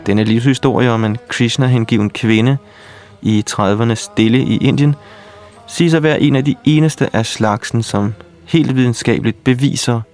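A man's voice: mid-range voice, darkish tone. Male announcer over faint music. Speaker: program announcer. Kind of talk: scripted introduction.

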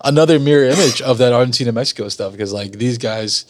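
Podcast host dude, jokey, swears a lot, dry close mic. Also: male voice, medium pitch, no room sound. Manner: joking, swears freely, cuts in with quick reactions. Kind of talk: casual chat.

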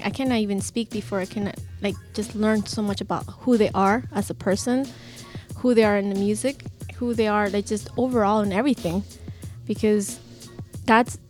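A woman's voice: mid-range voice, darkish tone. A woman guest on a radio interview, earnestly and reflectively talking about coaching music artists. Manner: earnest, reflective, laughs readily when teased.

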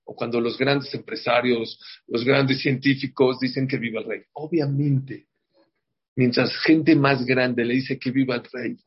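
A man's voice: mid-range voice, fairly even intonation, unhurried, slightly rough. A man teaching a religious class to a group, emphatic and often checking in with "ok?". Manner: emphatic, checks in with "ok?", repeats words. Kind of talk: religious class before a holiday. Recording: dull lo-fi recording.

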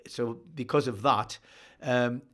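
An older sea shanty folk singer from Northeast England looks back on his life in an interview, often repeating words as he tells his stories. His voice is mid-range and a little bright, and he speaks slowly.

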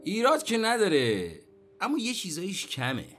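Actor as chatty, complaining taxi driver, very animated. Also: male voice, high-pitched, faint music behind, exaggerated voice. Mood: complaining, explaining. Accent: Tehrani. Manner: chatty, complaining about today's kids, colloquial street slang. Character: chatty nostalgic middle-aged taxi driver, fond of old days.

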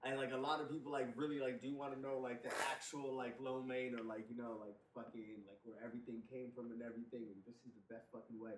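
A man's voice: mid-range voice, flat delivery, fast talker, few pauses, a little hiss or hum. A man in his twenties hosting a casual, profane podcast chat, rambling with constant "like" fillers. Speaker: podcast host. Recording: echoey room, distant mic.

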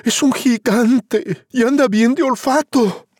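Storybook boy, cheeky and pleading, voiced by a man, lively and high. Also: measured pace, husky, no echo, clean studio sound, exaggerated voice. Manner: eager, pleading. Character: boastful cheeky peasant boy.

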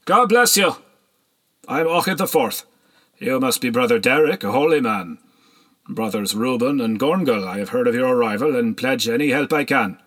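A man's voice: mid-range voice, lively intonation, moderate pace, a bit bright. A man voicing a cold, haughty nobleman on horseback, curt and commanding, in an audiobook reading. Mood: gracious.

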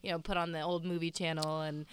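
A woman's voice: deep voice, little pitch movement, fast talker, a crowd in the background. A young woman from Denver, a stage actress, chatting as a guest on a radio interview and laughing often. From Denver, USA. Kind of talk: casual interview chat. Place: radio studio.

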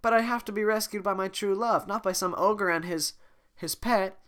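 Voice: normal speed, lightly acted. A sick-sounding reader voicing a demanding, indignant young princess in an amateur script reading. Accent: slips into a Scottish lilt. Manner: high, sharp and insistent. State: sick, hoarse throat.

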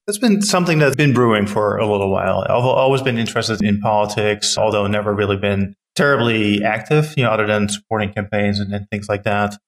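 A man's voice: lowish voice, fairly quick, hardly any pauses. A middle-aged man from the Netherlands, a town council member answering interview questions earnestly with frequent fillers and restarts.

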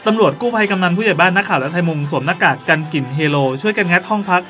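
Quick-talking man co-host. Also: high voice, bright, forceful tone, faint music behind. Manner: quick, playful, reads headlines with exaggerated drama. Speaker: podcast co-host. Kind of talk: casual chat, reading news aloud.

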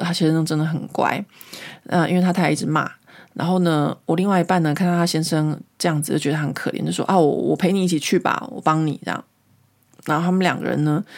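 A woman, hosting a podcast and telling a story in a casual, animated way. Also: on the low side. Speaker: podcast host.

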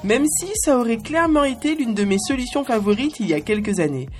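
A woman's voice: fairly high pitch, animated, fairly quick, a little mellow. A woman in her twenties hosting a podcast, with a playful, cheeky scripted monologue spoken straight to the listener. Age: 20s. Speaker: podcast host.

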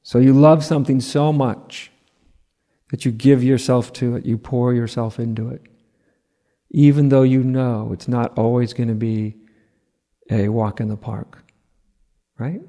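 A man teaching on a spiritual theme in a relaxed, conversational way. He drops in "right?" asides and light laughs at a mid pitch. His voice carries a long reverb, as in a hall. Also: unhurried, pauses often. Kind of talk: spiritual talk.

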